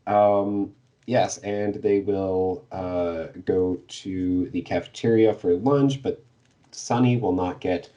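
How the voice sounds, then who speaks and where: This podcast co-host has a low, steady voice and a slow, mellow delivery, captured on a lo-fi recording. Chatting casually, he summarizes a book's plot, full of hesitations, filler words, and small laughs.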